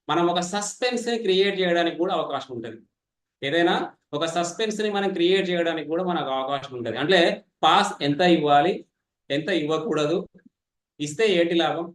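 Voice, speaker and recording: A man, teaching public speaking in an online class, fast and animated, teasing participants. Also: on the high side, roomy sound. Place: online meeting.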